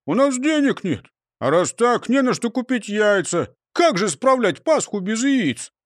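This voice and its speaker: A man's voice: high voice, sing-song, a little slow, dry recording, studio quality, voice pushed up. A man reading a storybook and voicing a greedy, cowardly male robber who whines and frets. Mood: glum. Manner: whiny and fearful.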